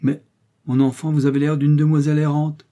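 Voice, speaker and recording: A man voicing a serious, reproachful old uncle who speaks gravely. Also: mid-range voice, normal speed, warm tone, natural voice. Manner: grave and admonishing.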